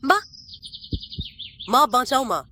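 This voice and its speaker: A woman's voice: sits high, sing-song, slow, bright, forceful tone, exaggerated voice. A woman voicing a lost little boy in a doll story, crying and calling for his mother. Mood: scared.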